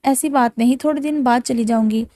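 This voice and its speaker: A woman's voice: fairly high pitch, dark tone, no room sound, studio quality, lightly acted. A woman voicing a shy, embarrassed young female student in an audiobook. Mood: ashamed. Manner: reluctant, embarrassed.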